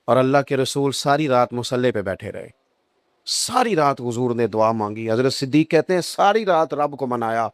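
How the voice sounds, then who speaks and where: A male preacher with a Punjabi accent, telling stories in a sermon and rising high and emphatic on quoted lines. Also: expressive, no echo, clean studio sound. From Pakistan.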